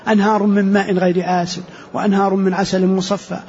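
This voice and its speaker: A man teaching Quran commentary in a lesson, explaining slowly, repeating key phrases and asking rhetorical questions. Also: sits high, flat delivery, darkish tone. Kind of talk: classroom commentary on scripture. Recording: dull lo-fi lecture recording.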